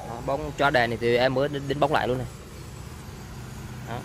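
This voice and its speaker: A man presents a used car in an informal sales walkaround. His voice is medium in pitch, and he speaks haltingly, repeating words as he goes. He is recorded outdoors from behind a handheld camera, with slight street noise around him. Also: fairly even intonation.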